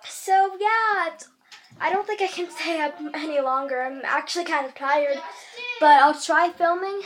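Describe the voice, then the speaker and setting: Bubbly high-voiced young woman vlogging. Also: moderate pace, slight background noise, rough recording. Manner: chatty, giggly, addresses viewers directly. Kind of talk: casual home vlog. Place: family home at Christmas. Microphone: handheld camera.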